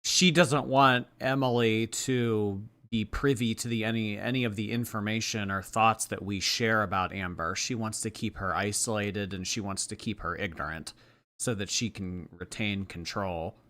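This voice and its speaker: A man's voice: fairly low pitch, steady tone, normal speed, fairly bright tone. A man co-hosting a live commentary stream, emphatically adding his views and thanking viewers in the chat. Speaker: co-host. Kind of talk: livestream commentary and reading chat.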